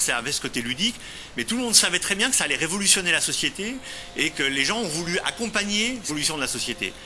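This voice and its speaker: Male company founder from Lyon, TV interview guest: quick, bright, hesitant, explanatory. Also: fairly high pitch. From Lyon, France. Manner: explanatory, hesitant with frequent fillers and restarts. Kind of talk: TV interview answers.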